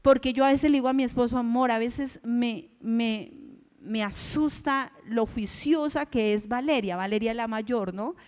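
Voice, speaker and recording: A woman in her thirties or forties preaching a sermon in a church, reading scripture slowly and asking her listeners questions. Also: on the high side, darkish tone, clear, resonant tone, big-room sound. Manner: slow, emphatic Bible reading with rhetorical questions.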